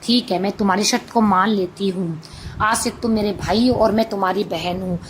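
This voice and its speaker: A devoted young queen and mother, earnest and dignified, as a woman reading a folk tale voices her. The voice sits at a middle pitch. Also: normal speed, slight background noise, close to an everyday voice. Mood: resolute. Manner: pleading, then resolute.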